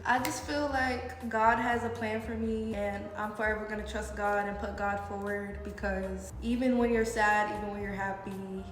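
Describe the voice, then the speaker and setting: A young American woman, partly from New York City, answers questions casually for her vlog while sick with a head cold, her nose stuffy and blocked. Her voice is fairly high, and she says "like" a lot in her informal chatter. The room is echoey, with music and a slight hiss or hum.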